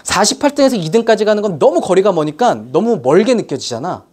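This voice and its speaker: A woman acting out a blunt high school teacher, speaking lower and firmly. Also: big pitch swings, quick pace, darkish tone, husky. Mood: stern.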